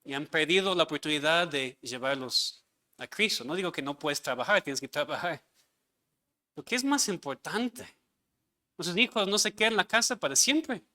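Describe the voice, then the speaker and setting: A man delivers a sermon as pastor of his church. His voice sits high and rings out sharp and bright. He preaches earnestly and keeps turning to his listeners with rhetorical questions. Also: expressive, moderate pace.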